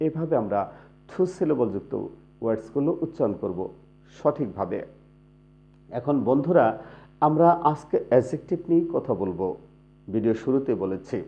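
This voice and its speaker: A man giving a spoken English grammar lesson, explaining step by step and repeating example words to show pronunciation. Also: fairly high pitch. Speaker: English teacher. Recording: dull lo-fi sound.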